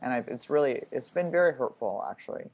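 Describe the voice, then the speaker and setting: A woman with a deep voice chatting candidly, in a brash, sweary, storytelling manner. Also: animated, fast talker, darkish tone. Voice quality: deep voice, often mistaken for a man's. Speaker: podcast guest. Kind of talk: candid casual chat.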